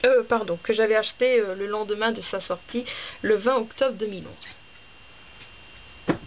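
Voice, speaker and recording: A woman chats through a casual book vlog, stopping often to hesitate and restart. Her voice is at a middle pitch. The recording is a bit dull, with a faint hiss of noise underneath. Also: a little slow. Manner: hesitant, many fillers and restarts; chatty, listing items one by one. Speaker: book vlogger.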